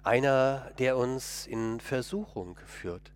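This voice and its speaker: A man's voice: medium pitch, slow pace, clear, resonant tone. A man delivering a first-person dramatic monologue sermon in an earnest, emotional, pleading way.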